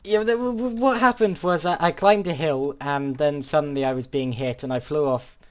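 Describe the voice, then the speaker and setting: Commenting on his gameplay for his channel, a teenage boy speaks with frequent hesitation and quaintly polite phrasing. He is on the high side in pitch and talks at normal speed.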